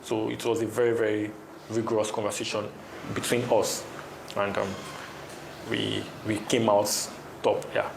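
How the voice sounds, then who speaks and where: A young Nigerian man with a low, gravelly voice gives casual interview answers. His intonation stays quite flat, and the room echoes. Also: normal speed, long pauses. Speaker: interview guest, trading competition participant. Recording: echoey room, faint noise.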